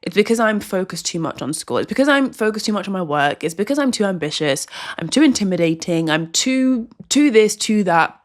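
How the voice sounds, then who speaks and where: Lively, earnest young woman vlogging. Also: mid-range voice, brisk. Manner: earnest, chatty, many restarts and likes. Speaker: video host. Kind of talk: casual vlog talk to camera.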